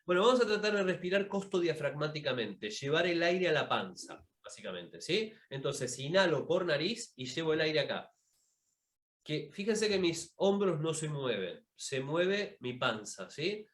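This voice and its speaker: A man's voice: on the high side, sing-song, moderate pace, fairly bright tone. A man teaching an online public speaking class, explaining breathing and demonstrating vowel exercises over a video call. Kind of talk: online masterclass with vocal demonstrations.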